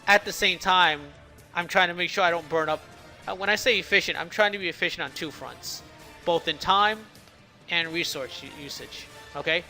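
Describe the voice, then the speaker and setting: A man gives a casual, explanatory devlog in a bright, slightly high voice. His words are a bit slurred, as if around a swollen lip, and he occasionally stumbles. Music plays behind him. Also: moderate pace, rough recording. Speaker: indie game developer narrating a devlog.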